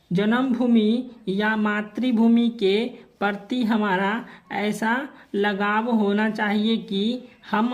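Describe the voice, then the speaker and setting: A woman's voice: on the high side, darkish tone, dull audio. A woman teacher from Bihar walking through textbook answers, repeating set phrases as she writes them out. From Bihar, India. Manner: slow, repeats formulaic phrases while writing answers. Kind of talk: homework answer walkthrough lesson.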